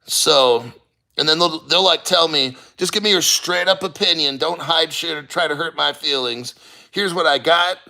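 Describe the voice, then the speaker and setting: Casual livestream host, male, middle-aged, slightly high voice with a sharp forceful edge, loose-tongued and prone to swearing. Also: vocal fry. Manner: rambling, profane, halting. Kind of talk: casual livestream chat, reading viewer comments.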